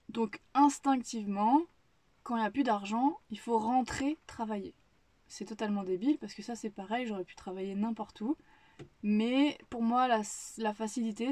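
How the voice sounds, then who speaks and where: A young woman from the Paris region talks straight to a close camera in her home kitchen. Her chat is casual and meandering, full of restarts and small pauses as she works out her thoughts. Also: on the high side, a little mellow, no room sound. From Paris region, France. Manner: rambling, thinking aloud with many restarts. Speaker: vlogger.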